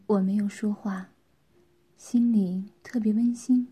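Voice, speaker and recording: A woman giving a hushed, intimate, whispered role-play narration of a story. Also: mid-range voice, slightly rough. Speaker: story reader.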